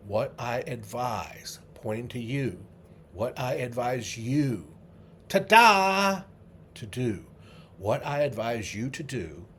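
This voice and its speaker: A middle-aged man, a memory trainer, leading a guided memory exercise, coaching the listener through vivid images with slow, drawn-out repetition. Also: medium pitch, slight background noise. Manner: slow, drawn-out repetition with sudden loud "ta-da" bursts; vivid, coaxing visualization instructions.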